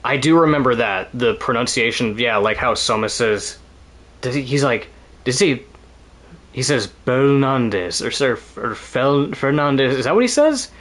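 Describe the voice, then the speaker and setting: A man's voice: medium pitch, animated, moderate pace, fairly bright tone. A man streaming a video game, talking casually in a rambling way, swearing now and then and laughing often. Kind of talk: casual let's-play commentary.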